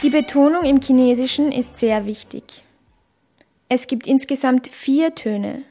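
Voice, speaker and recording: A woman calmly narrating a scripted lesson, carefully demonstrating sounds. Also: high-pitched, faint music behind. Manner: slow, careful, demonstrates tones clearly. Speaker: language teacher.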